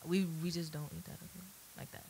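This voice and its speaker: A woman's voice: fairly low pitch, steady tone, fast talker, vocal fry, mellow. A woman in a casual group chat, making teasing asides and laughing. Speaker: co-host.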